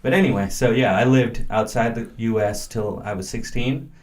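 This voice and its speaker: A man's voice: medium pitch, normal speed, a little mellow. A man in his early thirties who grew up in India, speaking as a guest in a casual conversation and thinking aloud with many fillers and restarts. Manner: thoughtful, with frequent fillers and restarts. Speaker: interview guest.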